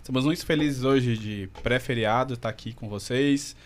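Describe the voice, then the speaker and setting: A man's voice: medium pitch, normal speed. A man co-hosting a podcast, introducing the guest in a friendly way. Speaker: podcast co-host. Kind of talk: casual podcast chat.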